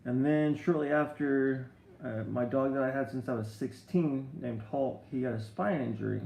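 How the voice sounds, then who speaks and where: Gravelly-voiced man rambling on a live stream. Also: medium pitch, normal speed, a little mellow, reverberant, a little hiss or hum, low-quality recording. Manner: rambling storytelling with many restarts and fillers; reads and answers viewer comments. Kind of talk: casual live-stream chat.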